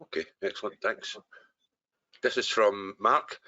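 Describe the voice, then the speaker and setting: A Scottish man hosting a live webinar Q&A, brisk and encouraging, often repeating words as he moves things along. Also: on the low side, sharp tone, no room sound. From Scotland. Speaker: webinar host. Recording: dry, muffled call audio.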